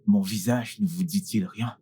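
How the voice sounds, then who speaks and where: A man's voice: fairly low pitch, unhurried, mellow, husky. A man playing an apologetic, affable character in dubbed film dialogue, placating and repeating himself. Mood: friendly.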